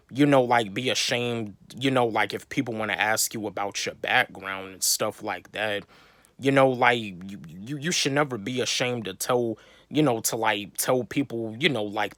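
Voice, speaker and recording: A man's voice: medium pitch, normal speed, a bit bright, dry recording. A young man from North Carolina, giving a rambling motivational talk to camera, full of repeats, fillers and restarts. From North Carolina, USA. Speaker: vlogger.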